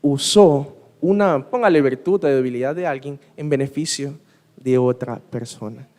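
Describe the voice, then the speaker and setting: This preacher speaks at normal speed in a medium-pitched, darkish voice, keeping things conversational with rhetorical questions and anecdotes from his life. His R sounds come out mispronounced, echoing with long hall reverb.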